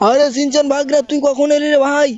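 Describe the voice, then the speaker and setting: A woman's voice: sits high, flat delivery, brisk, darkish tone, no room sound, highs cut off, close to an everyday voice. A woman voicing a grown male household servant in a fan-dubbed game video, meek and pleading. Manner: pleading, calls the boy brother.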